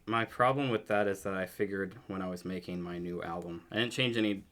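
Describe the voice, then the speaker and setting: Low-voiced young man in casual chat. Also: a little fast, fairly bright tone. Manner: explains at length in loose run-on sentences. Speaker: podcast co-host.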